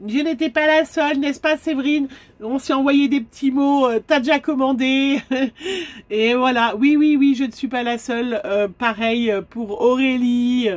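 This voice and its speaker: A woman's voice: high-pitched, fairly even intonation, normal speed, no room sound. A woman with a stuffy nose chatting casually in a camper van about her craft supply haul, full of fillers and asides. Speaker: craft vlogger.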